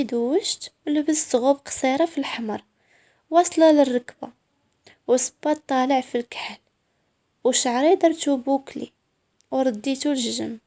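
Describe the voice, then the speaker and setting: A woman's voice: sits high, warm tone. A woman with a Moroccan accent narrating a first-person story in a proud, sassy way.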